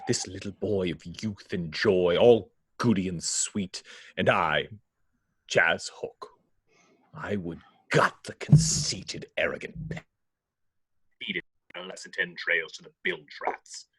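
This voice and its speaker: A man acting a melodramatic, sulking, unhinged pirate captain in a script table read, theatrically swinging between whispers and shouts. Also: low-pitched, slow, breathy edge, dry recording, heavily acted. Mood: scornful, gloating.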